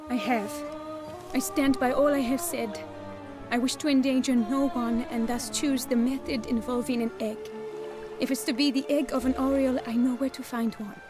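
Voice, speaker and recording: A woman's voice: high voice, steady tone, normal speed, music in the background, natural voice. An actress playing a proud, troubled noblewoman with formal, courtly diction in a fantasy game. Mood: resolute. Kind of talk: dramatic fantasy game acting.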